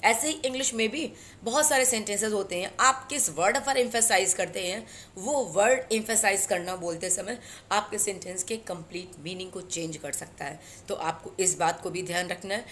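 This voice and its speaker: A woman with an Indian accent teaching a spoken English lesson, switching between Hindi and English and slowing down for English phrases. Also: medium pitch, fairly bright tone, a little hiss or hum. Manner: mixes Hindi and English, slow deliberate English phrases.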